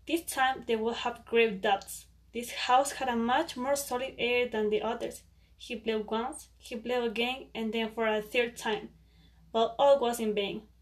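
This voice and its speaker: Woman storyteller, plain storybook reading, fairly high, sounds far off. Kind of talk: storybook narration. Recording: distant from the mic.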